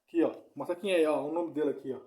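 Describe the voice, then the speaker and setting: Man preaching in a mellow voice. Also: on the high side, fairly even intonation, fast. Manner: repetitive, keeps asking "né?" and "entendeu?". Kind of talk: informal Bible teaching.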